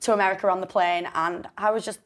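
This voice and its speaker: A young woman with a northern English accent hosting a podcast, chatting in animated, giggly, sweary banter with her friend. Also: medium pitch, fast. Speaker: podcast host. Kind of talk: casual chat.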